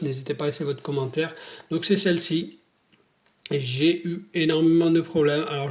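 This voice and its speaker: Casual hobby vlogger, man, slightly high voice, hesitant and rambling delivery, filler-heavy. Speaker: scale model hobbyist.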